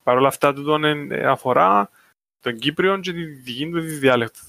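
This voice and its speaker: A man's voice: on the high side, gravelly, bright, forceful tone. A man with a Cypriot Greek accent, talking in a casual discussion. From Cyprus.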